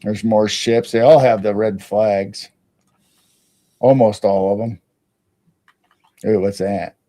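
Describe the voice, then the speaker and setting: A man hosting a casual live stream, thinking aloud in halting starts while studying something on his monitor. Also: lowish voice, steady tone, warm tone. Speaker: stream host.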